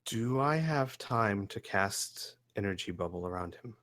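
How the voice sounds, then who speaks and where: A man's voice: lowish voice, animated, a little slow, a bit bright, dry recording, studio quality. A man playing a tabletop role-playing game, chatting casually and thinking aloud as he describes his moves.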